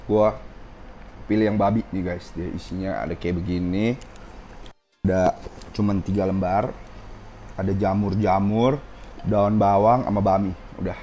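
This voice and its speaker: Brief: man vlogging at a ramen restaurant, low and mellow, chatty, slight sore throat, faint room noise. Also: steady tone, a little slow, long pauses. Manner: chatty, keeps saying guys, tastes as he talks. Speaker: food vlogger. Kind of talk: casual food review vlog.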